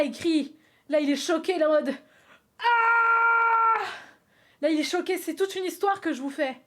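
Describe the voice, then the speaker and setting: A woman streamer chatting playfully with her viewers while drawing in a game, often exclaiming aloud. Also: high voice.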